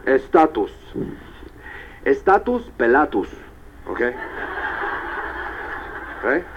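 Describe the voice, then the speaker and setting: A man's voice: mid-range voice, extremely slow, noisy background. A man giving a motivational seminar talk, telling stories with animation and slipping into English. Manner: animated storyteller, slips into English. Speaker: motivational speaker. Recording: dull old cassette tape.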